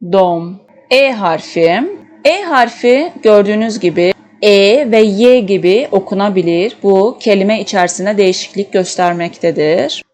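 Young woman, language teacher, unhurried delivery, repeats each example twice, mid-pitched voice. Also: darkish tone. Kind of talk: slow, clear alphabet lesson.

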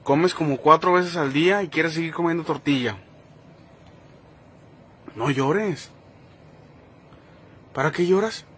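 A man with a Mexican accent, gently scolding and pleading with his pet dog as if talking to a person. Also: a little high, a little hiss or hum. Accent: Mexican Spanish. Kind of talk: casual talk to a pet.

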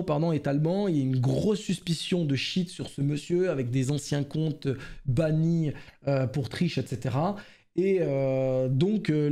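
Guy doing esports news, kinda high voice but mellow, lots of euh and restarts. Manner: chatty, many fillers and restarts. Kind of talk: casual esports news commentary.

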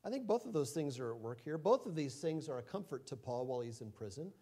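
A middle-aged man preaching a sermon in a conversational way, his loudness rising and falling often. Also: medium pitch, very animated, fast. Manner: conversational preaching with wide swings in loudness, light chuckles.

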